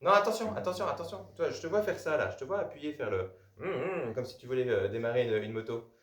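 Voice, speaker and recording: A man's voice: medium pitch, fast talker. A man teaching a cello master class, correcting a student often and singing out the bow rhythms. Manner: animated, corrects often with repeated "non", sings bow rhythms. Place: rehearsal hall with cello playing. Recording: roomy, distant, dull sound with loud cello.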